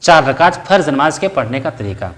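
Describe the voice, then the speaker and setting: Here the teacher speaks briskly at a medium pitch, his delivery sing-song and a bit bright. He is a religious instructor guiding listeners through a step-by-step lesson with patience, answering his own questions and reciting brief Arabic prayer lines.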